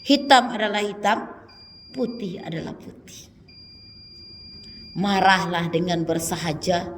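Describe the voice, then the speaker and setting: A woman preacher, giving an animated sermon in a mosque, swinging between loud emphatic lines and low quiet asides. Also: slow pace, slight background noise. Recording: long hall reverb.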